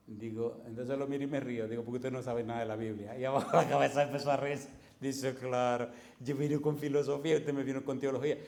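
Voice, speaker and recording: A man's voice: medium pitch, echoey room. A man, a pastor teaching a class for preachers, telling stories with acted dialogue and firing rhetorical questions at his listeners. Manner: animated storytelling, acts out dialogue.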